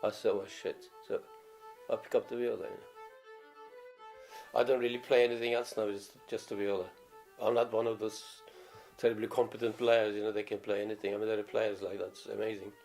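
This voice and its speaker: In a documentary interview, a Turkish man in his seventies reminisces in Turkish-accented English about his life playing viola, rambling with many fillers and restarts. His lowish, slightly mellow voice barely shifts in pitch and moves fairly quickly, with faint music behind him.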